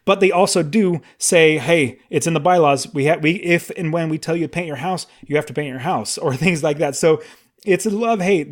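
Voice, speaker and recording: A man in his late thirties hosting a solo podcast, talking in an enthusiastic, conversational way with emphatic asides. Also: fairly high pitch. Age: 30s. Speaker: podcast host.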